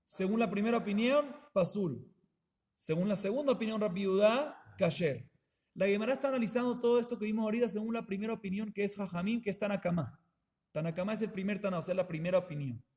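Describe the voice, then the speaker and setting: A man's voice: high-pitched, quick pace, a little mellow. A man, a rabbi, teaching a Talmud class, explaining step by step, repeating and rephrasing, and putting rhetorical questions to his students. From Colombia.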